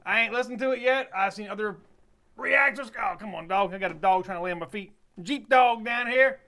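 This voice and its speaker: Easygoing guy doing a song reaction, bright crisp voice, rambles a bit. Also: high voice, fairly quick. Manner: folksy, rambling, easygoing talk. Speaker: music reaction channel host. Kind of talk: casual reaction commentary.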